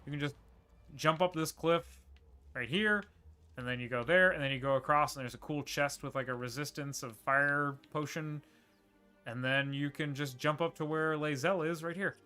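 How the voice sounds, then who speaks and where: A man streaming a video game, rambling and thinking aloud with quick laughs as he plays. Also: on the high side, sharp tone, clear, resonant tone, faint music behind. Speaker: gaming streamer. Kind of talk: casual gameplay commentary.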